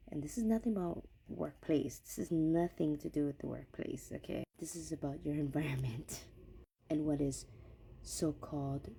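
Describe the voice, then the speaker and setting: A woman's voice: sits low, dark tone, slight background noise, low-quality recording. A middle-aged woman from Hawaii, talking straight to her viewers in a casual video reply, making her point emphatically and often checking in with "okay?". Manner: emphatic, addresses viewer directly, repeats "okay?". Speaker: vlogger.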